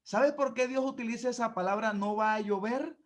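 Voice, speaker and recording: A man's voice: very high-pitched, a little fast. A man who is a pastor, preaching a sermon with emphatic, rising passages and repeated words.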